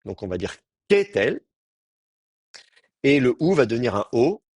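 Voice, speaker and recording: A man's voice: medium pitch, very animated, unhurried, darkish tone, breathy edge, no echo, studio quality. A man teaching a grammar class, explaining patiently and often restarting his sentences. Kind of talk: Hebrew grammar lecture.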